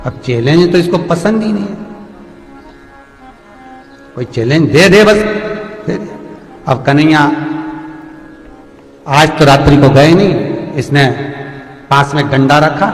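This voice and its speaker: A man giving a devotional story sermon as a religious storyteller, telling the tale in an animated way. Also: on the high side, unhurried, long pauses. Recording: echoey hall with faint music.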